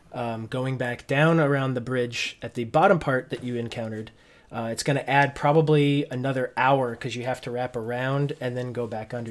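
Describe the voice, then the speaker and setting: Man narrating a tabletop game. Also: mid-range voice. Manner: informal, feels out descriptions as he goes. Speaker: game master.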